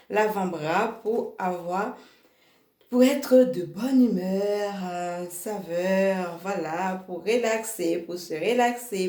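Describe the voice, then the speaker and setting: In a casual product demo video, a woman presents her range slowly and haltingly, full of fillers and restarts, laughing at herself. Her mid-range voice has a dark tone, and the room echoes.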